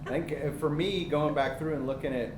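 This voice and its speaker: A man's voice: fairly high pitch, steady tone, a little fast. A man giving casual advice as a speaker on a panel. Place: panel event room with an audience. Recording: echoey, noisy room.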